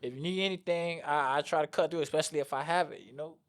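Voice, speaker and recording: A man's voice: fairly high pitch, fast talker, fairly bright tone, no echo, studio quality. A man chatting casually as a podcast guest, slangy, often adding filler tags. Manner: slangy, repeats "you know". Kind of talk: casual chat.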